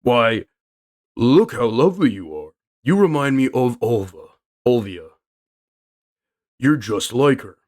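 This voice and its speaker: A man voicing a big, gentle old male giant who speaks lower and quieter, with a slow chuckling laugh. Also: very animated. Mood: fond.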